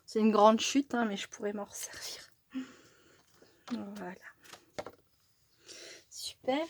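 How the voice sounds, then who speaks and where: A woman's voice: mid-range voice, takes it slowly. A woman casually narrating a craft tutorial at her table, thinking aloud with little fillers and self-corrections. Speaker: crafting YouTuber.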